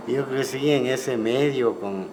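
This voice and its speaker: A man's voice: medium pitch, takes it slowly. Older man telling stories. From Ecuador. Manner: relaxed storytelling, frequent tag questions. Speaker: guest musician. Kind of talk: casual interview conversation. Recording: clear background noise.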